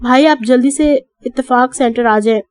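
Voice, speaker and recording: A woman's voice: fairly high pitch, clean tone, no room sound, clean studio sound, close to an everyday voice. A woman voicing a frightened young woman who holds back tears. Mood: anxious. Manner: anxious, holding back tears.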